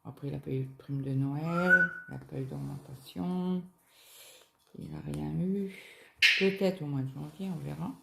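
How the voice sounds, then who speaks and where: A woman's voice: low-pitched, unhurried, gravelly. A woman casually chatting while she cross-stitches at home, telling rambling stories full of fillers. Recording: echoey room with loud background noise.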